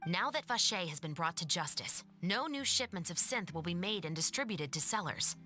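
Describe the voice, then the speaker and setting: A woman voicing a steady, principled female security captain in a game cutscene, speaking in a calm, matter-of-fact way. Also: on the low side, normal speed. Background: soft music.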